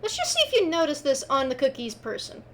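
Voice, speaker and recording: Animated high-voiced woman game master. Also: fast talker, slight background noise. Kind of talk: narrating a tabletop game.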